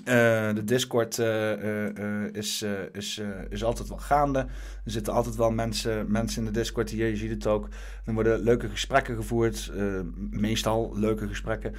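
A man's voice: lowish voice, flat delivery. A man hosting his own stream, giving casual, rambling commentary on the news, full of fillers and restarts. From Netherlands. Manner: halting, many fillers and restarts.

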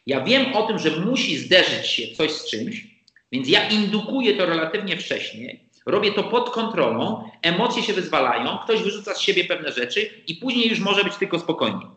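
A man explaining negotiation ideas in an animated conversational way, acting out the quoted exchanges. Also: high-pitched, normal speed, echoey room, rough recording. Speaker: negotiation expert guest.

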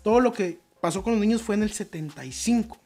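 A Mexican man co-hosts a loose, casual chat, relaxed and joking as he tells a story. His talk is slangy and easygoing. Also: high voice, quick pace, faint music behind.

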